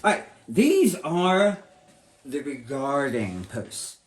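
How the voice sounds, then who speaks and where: A man voicing a fussy woman tour guide who is officious about tradition, brisk and insistent. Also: medium pitch, sing-song, a little hiss or hum. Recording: roomy echo.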